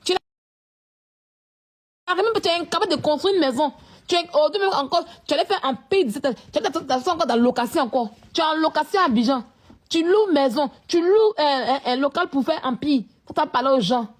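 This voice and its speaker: A vlogger rants on a live stream, her high-pitched voice brisk as she scolds someone. She's confrontational and keeps repeating herself.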